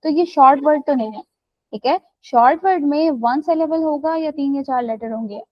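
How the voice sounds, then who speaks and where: A woman's voice: high voice, moderate pace, dry recording, muffled recording. A woman teaching an English class online, explaining step by step and checking that students follow. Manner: explains step by step, checks understanding with "right?" and "theek hai".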